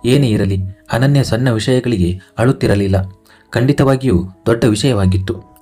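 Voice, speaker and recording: A man reading a romance story aloud as a storyteller in steady scripted narration. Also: medium pitch, normal speed, slightly rough, soft background music.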